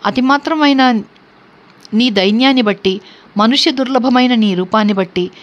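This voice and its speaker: Reverent male monkey messenger, humble and searching, read by a woman; fairly high voice, dull lo-fi recording. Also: moderate pace, lightly acted. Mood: reverent questioning. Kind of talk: scripture reading.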